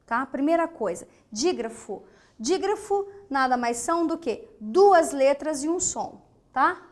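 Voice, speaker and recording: A woman's voice: high-pitched, expressive, unhurried. A woman teacher with a Brazilian Portuguese accent giving a grammar lesson, emphatic, repeating key words and checking in with the class.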